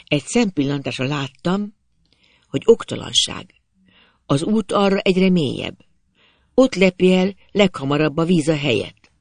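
A male narrator reads a literary story aloud in a measured, expressive way, his fairly high voice carrying a gravelly texture. The recording is dry and close, with almost no room sound. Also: dry recording.

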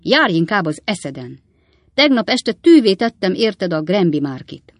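A woman voicing a brisk, cheeky young male manservant talking to his father. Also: mid-range voice, big pitch swings, dry recording, studio quality. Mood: impatient.

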